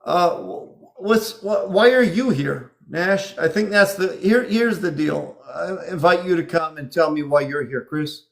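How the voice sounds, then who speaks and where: A man's voice: sits high, a little slow, gravelly, few pauses, a bit bright. A man hosting a casual live show, talking in an encouraging way and repeating phrases for emphasis. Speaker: live dating show host.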